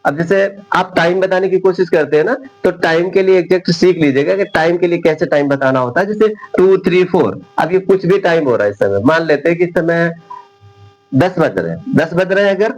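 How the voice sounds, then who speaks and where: A man's voice: a little high, fairly quick, low-quality recording. A man whose first language is Hindi teaching an English grammar lesson, repeating each word patiently and correcting common mistakes firmly. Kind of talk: classroom-style grammar lesson.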